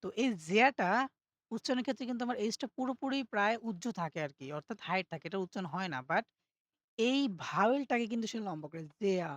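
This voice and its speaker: A woman's voice: medium pitch, expressive, fast, no room sound. A woman teaching German pronunciation in a self-study class, explaining each rule step by step and often checking that listeners follow.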